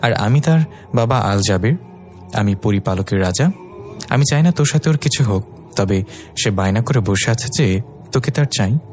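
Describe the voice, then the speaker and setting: A man voicing a proud, stern fairy king who is a father, speaking in a commanding, gruff way. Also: on the low side, lively intonation, moderate pace, pauses often, faint music behind, lightly acted.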